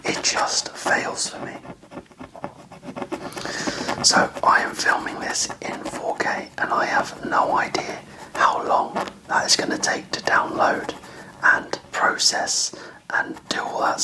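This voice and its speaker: A person whispering a casual, self-deprecating ASMR ramble in a breathy, unvoiced voice, musing in a chatty way. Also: takes it slowly, rough recording. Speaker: ASMR video creator.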